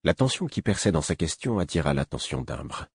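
A man reading a first-person novel as an audiobook narrator, in a measured, even storytelling manner. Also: very deep voice, breathy edge, dry recording.

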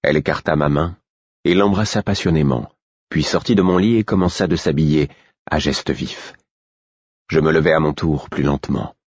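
A man reading a novel aloud in first person, with measured, even storytelling. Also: a bass voice, slightly rough, no room sound, highs cut off. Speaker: audiobook narrator. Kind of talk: scripted first-person narration.

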